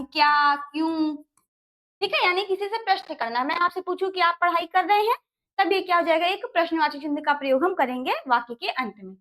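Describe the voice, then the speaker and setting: High-voiced woman teaching exam questions. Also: a bit bright. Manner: keeps asking rhetorical questions and answering them, "ठीक है" fillers. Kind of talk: exam-prep class, solving MCQs.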